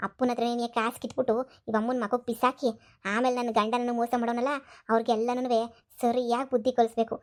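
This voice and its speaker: A woman's voice: little pitch movement, fast talker, natural voice. A woman voicing a scheming young maid's daughter in a cartoon comedy, urging. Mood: plotting. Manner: urging, plotting in a low voice.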